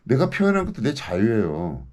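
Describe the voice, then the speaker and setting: Speaking to camera, a local news commentator in his fifties rants with mounting indignation, his low, dark voice leaping and dropping in lively pitch swings. He talks a little fast and keeps demanding "예?" from the people he addresses.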